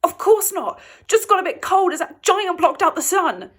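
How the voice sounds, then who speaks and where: A woman's voice: very high voice, animated, normal speed, voice pushed up. A woman playing an eager naive young boy. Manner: earnest and bright-eyed.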